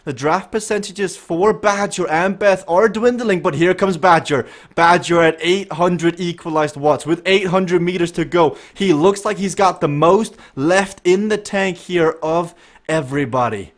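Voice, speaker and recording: A man hosting and commentating a virtual cycling race, building excitement toward the finish and chatting with riders. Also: sits high, a little slow. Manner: excitable, rising to shouts at the finish. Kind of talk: live esports cycling commentary.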